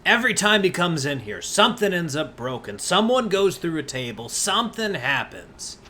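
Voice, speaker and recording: A man's voice: a little high, very animated, normal speed, sharp tone, slight background noise, pitched above the performer's own voice. A man voicing a weary, put-upon bartender in a fantasy tabletop game, sighing as he talks. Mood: exasperated. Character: weary, exasperated male bartender of a fantasy tavern.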